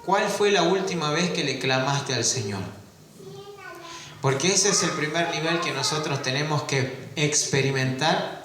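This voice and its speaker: A man's voice: on the high side, measured pace, background noise. A man preaching a sermon, questioning his listeners and drawing out key words. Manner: asks the congregation rhetorical questions, stretches key words. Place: church. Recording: very echoey church room.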